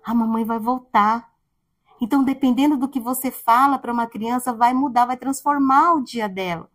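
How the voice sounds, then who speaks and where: A woman preaching a heartfelt sermon in a conversational way, growing soft and quiet at tender points. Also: sits high, fairly quick, slightly rough. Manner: heartfelt, conversational, speaks softly at tender moments. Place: church.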